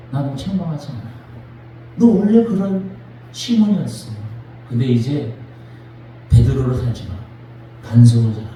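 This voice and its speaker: A pastor doing a soft, consoling teacher. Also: male voice, medium pitch, a little hiss or hum, pitched below the performer's own voice, natural voice. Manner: soft, slow, tender. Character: gentle, consoling male teacher forgiving a disciple. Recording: echoey church from a distant mic.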